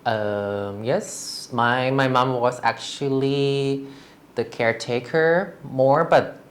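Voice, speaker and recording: Slow, halting woman from Thailand. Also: extremely low pitch. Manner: hesitant, halting, frequent restarts. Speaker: interview guest. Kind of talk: candid personal interview.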